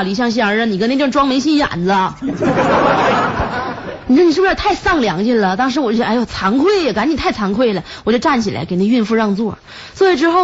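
A woman radio host with a Northeastern Chinese accent, telling a comic story in a chatty, self-mocking way and jumping in pitch to act out the people in it. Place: radio studio. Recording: slightly dull radio broadcast.

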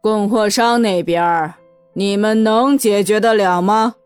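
A man's voice: high voice, unhurried, clear, resonant tone, no room sound, soft background music, voice pushed up. Stern old matriarch, voiced by a man. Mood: cold, stern. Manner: cold, commanding. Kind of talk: audiobook character voice.

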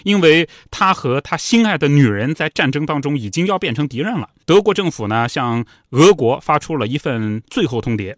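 A man hosting a podcast, retelling history in a casual, animated storytelling way with conversational asides. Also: on the high side, normal speed, few pauses, no room sound, studio quality. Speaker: podcast host.

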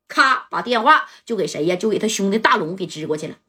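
A woman telling a gangland story in a chatty, lively way, with asides to the listener. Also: medium pitch, fast, husky. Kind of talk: oral storytelling of gangland tales.

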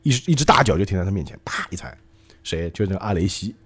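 A man hosting a podcast, retelling a story in a lively way and acting out each line. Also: sits low, rapid-fire, breathy edge. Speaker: podcast host.

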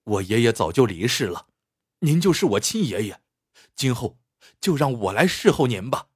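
A man's voice: medium pitch, sing-song, moderate pace, breathy edge, no echo, clean studio sound. A man voicing a sincere young worker.

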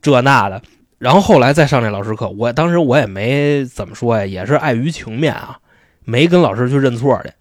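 Guy rattling off slangy stories on a podcast, lively pitch, dry mic. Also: fairly quick, no room sound. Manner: chatty, slangy storytelling, often asks "you know?". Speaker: podcast host. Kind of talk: casual storytelling chat.

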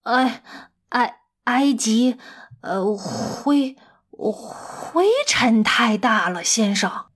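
A woman's voice: a little high, slightly rough, exaggerated voice. A woman voicing a shy, adventurous young male clerk who stammers and halts. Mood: stammering. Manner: stammering, halting.

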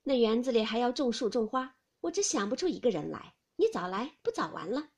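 A woman voicing a sharp-tongued young noblewoman who teases and gives orders briskly, read as part of a classic novel audiobook. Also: sits high, very animated, slightly rough, exaggerated voice. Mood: teasing. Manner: teasing, brisk.

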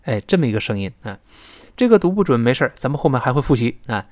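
A man teaching English pronunciation, explaining sounds step by step to listeners and drawing out example words slowly. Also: mid-range voice, big pitch swings, a little mellow, no echo.

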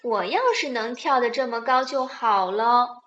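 A woman voicing a small, playful young bunny with excited, slow, sing-song delivery in a children's bedtime storybook reading. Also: on the high side, lo-fi sound. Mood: eager.

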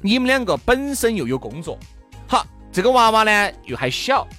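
A man's voice: high voice, very animated, normal speed, sharp tone, faint music behind. A man with a Sichuanese accent telling anecdotes in casual chat as a talk show host.

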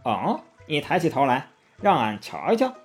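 A man's voice: on the high side, huge pitch swings, moderate pace, faint music behind. A male storyteller voicing a proud, mocking monkey king who gives commands. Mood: haughty. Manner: haughty, commanding.

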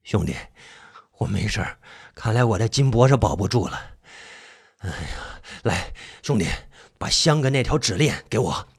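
Brief: man doing a husky, dry-humored exorcist with a lower commanding tone. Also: expressive, normal speed, exaggerated voice. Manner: low, commanding and joking. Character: gruff male ghost-hunting exorcist, bold and dry-humored.

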